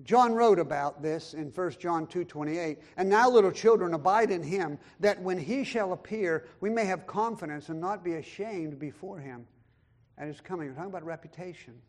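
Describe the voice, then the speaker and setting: Speaking at a normal pace, this high-voiced male pastor delivers an emphatic sermon and quotes scripture aloud. He booms on the key points, then falls to a hushed, lower tone for asides, occasionally voicing other people's words in character.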